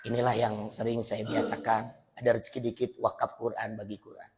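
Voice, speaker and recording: A man's voice: on the low side, monotone, a little fast. A man with a Sundanese accent preaching a morning sermon in a mosque, telling stories and calling out to the congregation. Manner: storytelling, switching to loud chanting calls.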